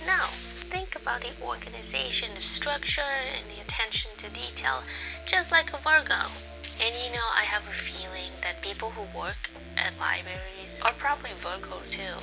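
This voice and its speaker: A woman hosting a bedtime podcast as a sleep narrator, gently musing and chatting to listeners with questions and pauses. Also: medium pitch, animated, creaky. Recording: dull lo-fi sound with music behind. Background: music.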